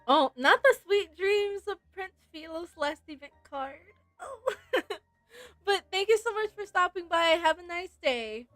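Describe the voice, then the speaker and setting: Extremely high-pitched and a bit bright, a woman's voice carries over game music as she livestreams. The streamer chats casually and reads the story aloud playfully, full of giggly fan energy.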